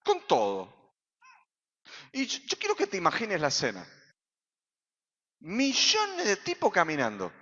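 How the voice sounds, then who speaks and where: A man with an Argentine accent, a pastor preaching a sermon in a church, full of rhetorical questions and sudden shouts. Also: high-pitched, huge pitch swings, normal speed, long pauses. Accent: Argentine Spanish. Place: church sanctuary. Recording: reverberant hall, dull sound.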